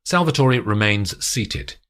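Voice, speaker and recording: A man giving scripted audiobook narration of a spy story in a steady, descriptive way. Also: lowish voice, takes it slowly.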